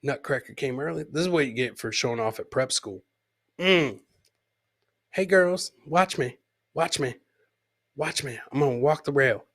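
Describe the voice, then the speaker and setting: A man hosts a live comedy podcast, offering joking commentary on clips, repeating phrases for effect and mimicking the people he discusses. His voice is medium-pitched and a bit bright, at normal speed with long pauses.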